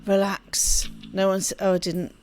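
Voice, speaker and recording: In a mid-range, slightly mellow voice with little pitch movement, a woman reads game story text at normal speed. She's a let's play host, reading expressively and offering casual asides as she plays, with game music behind her.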